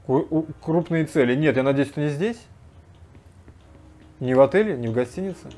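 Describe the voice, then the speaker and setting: A man giving casual gameplay commentary, muttering to himself and breaking into frequent loud swearing. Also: fairly high pitch, brisk. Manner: swears often, loud startled outbursts; mutters to himself while playing. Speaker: let's play gamer.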